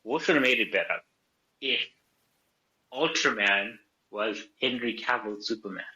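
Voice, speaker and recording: A man's voice: mid-range voice, measured pace, pushed and bright. A man co-hosting a movie podcast, casually asking questions and steering the chat. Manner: asks questions, drives the talk. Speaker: podcast co-host. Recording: dull lo-fi sound.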